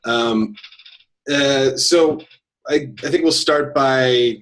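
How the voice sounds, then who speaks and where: A man's voice: mid-range voice, drawn-out words. A man who is an attorney leading a small workshop in a loose, chatty way. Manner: loose, chatty, frequent restarts. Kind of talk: casual workshop talk.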